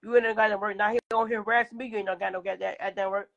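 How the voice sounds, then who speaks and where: A woman ranting on her phone livestream, her voice sitting at an ordinary middle pitch. She talks back to viewers in a combative, profane way and coughs now and then. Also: steady tone, racing, vocal fry, highs cut off. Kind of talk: casual livestream rant.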